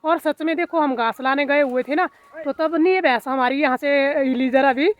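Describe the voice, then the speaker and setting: A woman's voice: sits high, moderate pace. A woman vlogger with a Mandyali-tinged Hindi accent, chatting casually outdoors at her hillside village farm, full of fillers. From Himachal Pradesh, India. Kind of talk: casual vlog narration.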